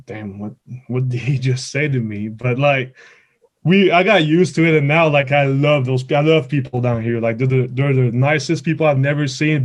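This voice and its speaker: A man's voice: medium pitch, a little mellow. Young man with a Quebec French accent. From Quebec, Canada. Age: 20s. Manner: informal, rambling, peppered with "like". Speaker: college baseball player, podcast guest. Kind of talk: casual interview answers.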